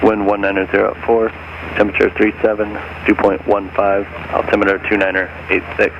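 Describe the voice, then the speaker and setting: A man's recorded airport weather broadcast comes through a muffled aircraft radio. He reads at a low pitch in a flat monotone. Loud cockpit engine noise runs under it. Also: brisk. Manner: steady, flat, even reading. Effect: recorded airport weather broadcast heard over aircraft radio. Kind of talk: recorded weather and runway information readout.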